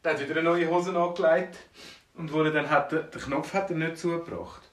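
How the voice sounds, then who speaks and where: A man with a Swiss German accent telling an improvised bedtime story in an animated manner, with some hesitation. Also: on the high side, brisk. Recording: roomy, distant from mic.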